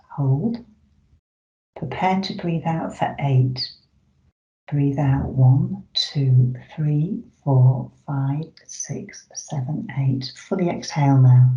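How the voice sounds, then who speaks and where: Soft-spoken meditation guide, warm roomy sound. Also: medium pitch. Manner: soft, slow, soothing delivery with drawn-out pauses. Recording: roomy, slightly dull recording.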